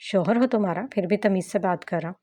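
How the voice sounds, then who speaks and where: A woman's voice: medium pitch, quick pace, mellow, lightly acted. A woman voicing a proud, cocky young husband who bickers sulkily. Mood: bickering. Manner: sulky, boastful bickering.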